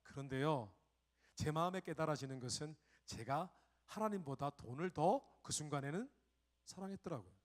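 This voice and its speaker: A middle-aged man preaches a sermon in a high, lively voice that moves widely in pitch. He acts out his own prayers and God's answers. He shifts between quiet, low reflection and loud, pleading outbursts. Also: fairly quick. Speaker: pastor.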